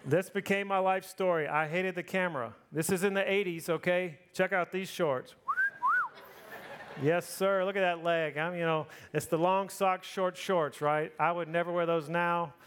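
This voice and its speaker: A man in his forties gives a sermon built around his own life story. He talks in a loose, conversational way, pokes fun at himself and keeps asking the listeners "right?" His voice sits a touch higher than most men's. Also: fairly even intonation, normal speed, noisy background. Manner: conversational, self-deprecating, often asks the crowd "right?". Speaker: preacher.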